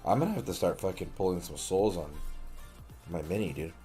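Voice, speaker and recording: With a deep, mellow voice and lively intonation, a male stream host talks fairly quickly over faint background music. His late-night gaming chat is loose and joking, profanity included, and he addresses viewers like buddies.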